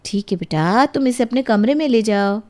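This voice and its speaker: A woman voicing a calm, kind aunt in a cartoon storybook, speaking gently. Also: fairly high pitch, normal speed, lightly acted. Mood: soothing. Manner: gentle, soothing.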